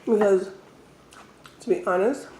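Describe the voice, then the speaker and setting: A woman telling stories casually as an eating-show host, talking in short phrases with pauses. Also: mid-range voice, mellow, slight background noise. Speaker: mukbang host. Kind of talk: casual storytelling while eating. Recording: roomy, echoey indoor sound.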